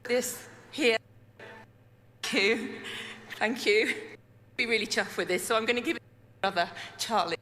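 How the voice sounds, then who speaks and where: A woman's voice: a little high, a little slow, long pauses, sharp tone, a little hiss or hum. A woman giving a memorial speech, speaking almost with a laugh, her audio cutting out in dropouts. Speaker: speaker at a vigil. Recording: echoey news clip with glitchy dropouts.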